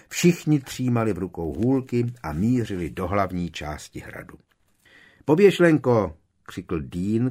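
A man's voice: deep voice, a little mellow. A man reading an audiobook aloud, telling the story expressively. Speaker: audiobook narrator.

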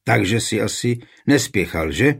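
A man voicing a cool, commanding high royal official questioning a suspect in a historical storybook reading. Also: animated, vocal fry, husky, heavily acted. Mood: stern, calm. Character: stern calm high royal official, middle-aged man.

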